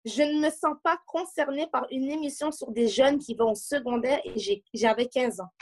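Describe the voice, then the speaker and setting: A woman's voice: high-pitched, moderate pace. A young woman from Montreal with a Quebec French accent, talking animatedly in a casual discussion and often restarting her sentences. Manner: animated, questioning, restarts mid-thought. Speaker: panel discussant.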